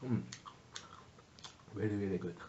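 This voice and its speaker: A man hosting an eating show, talking while chewing in a halting, soft-spoken way with many hums and fillers. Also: fairly low pitch. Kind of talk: casual chat to camera. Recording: dull lo-fi sound with faint hiss.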